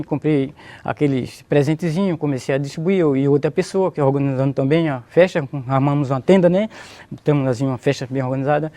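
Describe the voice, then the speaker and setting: Gravelly-voiced man sharing a faith testimony. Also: fairly high pitch, dark tone. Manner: storytelling, repeats phrases, praises God. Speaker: interviewee giving a testimony. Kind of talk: emotional religious testimony.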